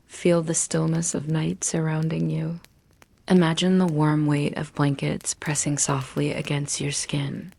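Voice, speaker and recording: A woman narrating a bedtime story in a soft, hushed, soothing voice, gently and with long pauses. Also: sits low, gravelly. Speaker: narrator of bedtime history stories.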